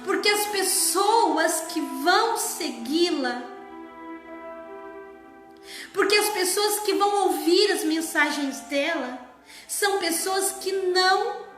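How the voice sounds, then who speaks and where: A woman preaching a sermon, slow and emphatic, sometimes sliding into song. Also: very high voice, lively intonation, fairly bright tone, faint music behind. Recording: echoey room.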